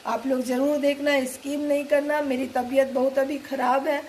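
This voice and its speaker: A woman's voice: sits high, level tone, moderate pace, a little mellow, a little hiss or hum. A middle-aged woman vlogger with a cold and fever, chatting and telling a rambling story to her viewers as friends. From eastern India. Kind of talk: casual storytelling to camera.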